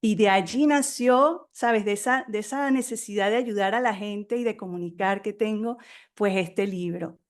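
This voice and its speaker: A middle-aged woman, a native Spanish speaker, being interviewed as an author on a podcast, telling stories in a talkative, animated way. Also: mid-range voice, moderate pace. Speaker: guest author.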